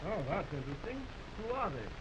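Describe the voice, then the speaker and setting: An actor playing a friendly, curious male homesteader in an early talkie film, with a slow, stagey delivery. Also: high-pitched, sing-song. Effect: early talkie film soundtrack. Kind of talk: 1930s film acting. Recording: hissy, dull 1930s film soundtrack.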